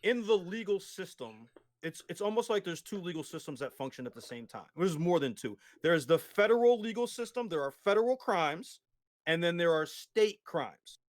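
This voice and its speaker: A man's voice: sits high, animated, normal speed. A man in a casual debate, explaining at length with many restarts and tag questions. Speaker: guest.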